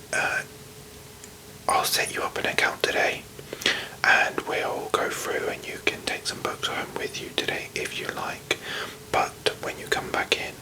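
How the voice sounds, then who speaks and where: A hushed library whisper with a British accent carries this whispered role-play. A performer plays a strict librarian who is officious and slightly condescending. The words stay breathy and unvoiced, politely businesslike in an ASMR manner. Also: lightly acted, rough recording. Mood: officious, brisk.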